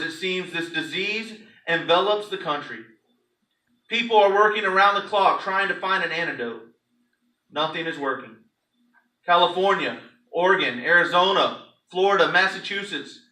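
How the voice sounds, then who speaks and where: His voice sits high, bright and forceful, as this pastor performs a story for the congregation with theatrical emphasis. It's picked up by a far-off microphone in an echoey space.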